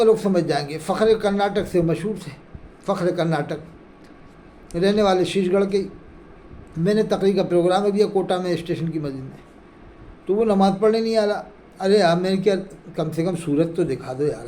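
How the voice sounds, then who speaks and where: High-voiced man preaching earnestly. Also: a little mellow, slight background noise. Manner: earnest, reproachful, full of rhetorical questions. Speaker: Islamic preacher. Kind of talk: religious lecture. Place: India.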